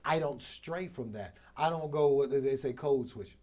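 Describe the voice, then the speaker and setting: A medium-pitched, darkish voice at normal speed carries this middle-aged American broadcaster's stories. Interviewed as a radio program director and morning show host, he talks in an animated, polished, emphatic way and repeats phrases for impact.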